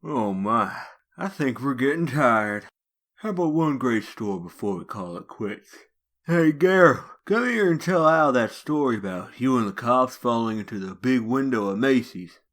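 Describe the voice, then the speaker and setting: A man voices a joking, chummy vagrant drinking with his pals in a comic dub, trading folksy, slangy banter in a jovial, teasing mood. His medium-pitched voice is expressive and fairly bright, close to an everyday voice, at normal speed.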